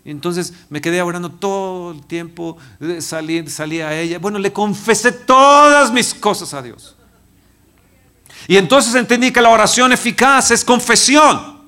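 Man preaching, pastor, emotional sermon testimony, hushed then loud, somewhat high voice. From Mexico.

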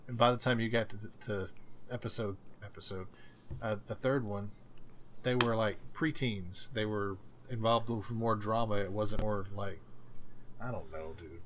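Low-voiced rambling podcast man. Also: steady tone, a little hiss or hum. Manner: rambling, halting, restarts mid-thought. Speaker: podcast co-host. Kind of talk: casual chat.

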